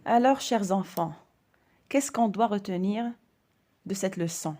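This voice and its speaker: A woman's voice: mid-range voice, measured pace, dark tone. A woman teaching a grammar lesson to primary school children, speaking carefully and stressing each example sentence.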